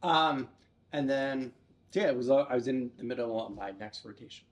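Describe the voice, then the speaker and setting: A man's voice: mid-range voice, fairly quick. A middle-aged man telling his life story as an interview guest, joking and self-deprecating in a casual chat. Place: in a theater building.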